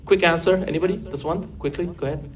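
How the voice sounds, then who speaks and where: Older guy teaching a faith class, talks fast, keeps asking okay? to the kids. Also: a little high. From England. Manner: lively, coaxing, asks the class questions. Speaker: religious teacher. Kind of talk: classroom religious talk.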